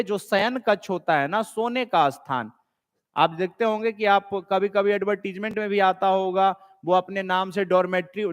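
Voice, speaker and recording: Indian male tutor, high voice, lectures with a long hall echo, checks in with the class. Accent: Indian English. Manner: explains in Hindi, reading English questions slowly; frequent check-ins with the class, self-corrects. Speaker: English teacher. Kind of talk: exam-prep class lecture.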